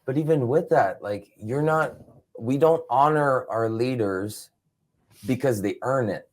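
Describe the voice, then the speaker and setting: A man reading out teaching points on serving a leader, earnest and halting, with frequent restarts. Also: mid-range voice. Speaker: ministry teacher. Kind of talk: reading points and explaining them.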